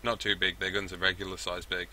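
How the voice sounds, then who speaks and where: A man's voice: deep voice, little pitch movement, fast, pushed and bright, a little hiss or hum. A man hosting a game playthrough, reading the story aloud with rambling, self-correcting asides. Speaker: let's play host.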